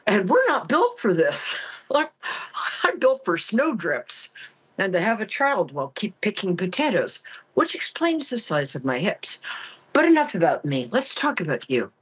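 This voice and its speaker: Campy, husky woman with swooping pitch. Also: wildly swooping pitch, normal speed, poor audio. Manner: campy, theatrical, self-mocking. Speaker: psychic tarot reader and call-in show host. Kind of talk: casual, comic monologue to listeners.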